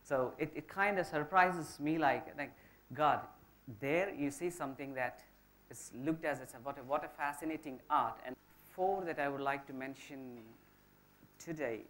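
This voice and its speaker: A woman's voice: deep voice, moderate pace. A woman speaking as a massage expert at an indoor stage event, hesitant with many fillers and restarts, on a handheld mic.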